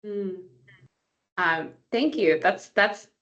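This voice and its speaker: A woman's voice: medium pitch, drawn-out words, fairly bright tone. A woman co-hosting a webinar, conversationally putting questions and comments to a guest. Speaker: co-host asking questions. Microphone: video call. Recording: dull video call audio.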